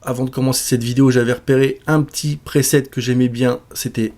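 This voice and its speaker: Man, mid-pitched voice, music software tutorial, step-by-step, easygoing fillers, keyboard sounds at times. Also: brisk. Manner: relaxed, explains step by step with fillers. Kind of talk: screen-recorded software tutorial.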